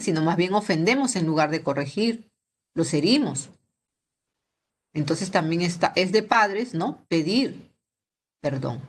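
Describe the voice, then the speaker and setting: A woman's voice: on the low side, husky. A middle-aged woman teaching a Bible lesson to teenagers over a video call, chatty and ending many sentences with a questioning "¿no?". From Peru. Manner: conversational, tags most sentences with a questioning "¿no?".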